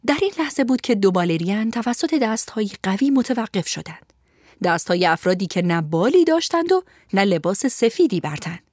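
Lively woman reading a story aloud. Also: mid-range voice, no echo, clean studio sound. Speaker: narrator. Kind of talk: storybook narration.

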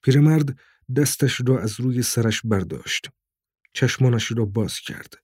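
A man reading a novel aloud in calm, measured narration. His voice is husky with a breathy edge, and the recording is close and dry with no room echo. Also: mid-range voice. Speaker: audiobook narrator. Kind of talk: scripted narration.

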